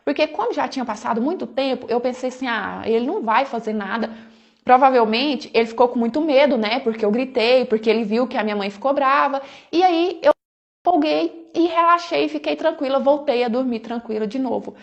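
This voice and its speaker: A woman with a Brazilian accent recounts a personal story in a relaxed, chatty storytime manner. Her voice sits high, and she keeps it conversational with little asides. The audio is a little muffled and dull. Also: brisk. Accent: Brazilian Portuguese. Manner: chatty, conversational, often adds "né" and "falou assim". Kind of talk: casual first-person storytime narration.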